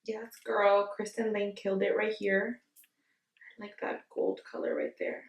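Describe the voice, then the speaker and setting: Tipsy and giggling, a female beauty vlogger runs through an informal makeup tutorial, playful, slangy and exclamatory. Her medium-pitched voice is very animated at a normal speed. It was recorded at a distance from the mic in a room with echo.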